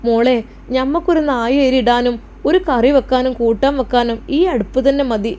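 A woman's voice: sits high, normal speed, warm tone, natural voice. A woman voicing a loving, anxious older mother in a spoken story, tender and pleading, with a Malappuram Malayalam accent. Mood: gentle. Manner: tender, pleading, calls her daughter dear.

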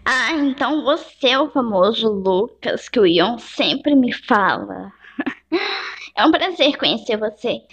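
A woman voicing a gentle, composed middle-aged mother in an amateur voice drama, speaking calmly and softly. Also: a little high, slow pace, full character voice. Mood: kind. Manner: calm and soft-spoken.

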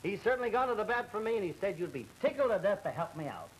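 An actor playing an eager young male reporter in an early sound film, fast and effusive, laughing between his lines. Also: high-pitched, very animated. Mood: flattering. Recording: echoey early-1930s film soundtrack with hiss.

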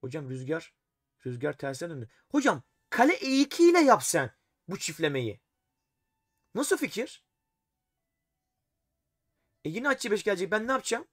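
A man's voice: sits high, huge pitch swings, normal speed, long pauses, no echo, clean studio sound. A man streaming a live chess game, thinking aloud and talking to his chat, often exasperated. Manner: talks to himself and chat while playing, exasperated.

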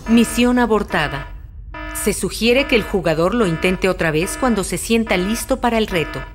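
A woman voicing a calm, officious spaceship training computer in a video game, giving measured, impersonal scripted instructions. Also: medium pitch, music in the background, close to an everyday voice. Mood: impersonal, instructing.

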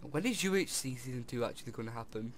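A woman's voice: extremely low pitch, animated, quick pace, crowd noise. A woman hosting casual gaming commentary over a voice call, chatty and laughing along.

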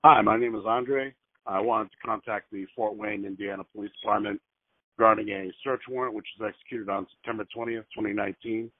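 A fairly low-pitched man talks over a landline phone line. The audio is narrow and tinny, with a dry sound and no room around it. He goes through details methodically, pausing on fillers and spelling out numbers slowly twice. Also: fairly even intonation, creaky, no room sound. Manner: hesitant, frequent fillers. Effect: heard over a landline phone line. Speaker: caller. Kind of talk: phone call and voicemail message.

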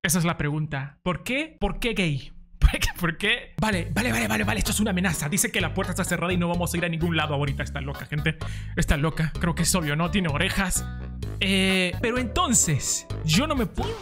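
A Mexican man commentating a horror game in his parents' house, joking, swearing and breaking into high yelps. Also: animated, a little fast, over music. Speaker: gaming youtuber. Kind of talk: let's-play commentary.

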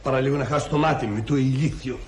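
An actor playing a sarcastic, short-tempered village husband who rants and hurls insults in a sitcom. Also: male voice, mid-range voice, background noise, close to an everyday voice. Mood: grumbling. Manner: ranting, shouting insults. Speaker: sitcom character. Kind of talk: sitcom acting.

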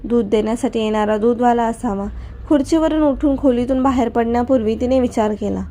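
A woman narrating an emotional family story in a steady, even reading voice. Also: a little high, fairly quick, slight background noise.

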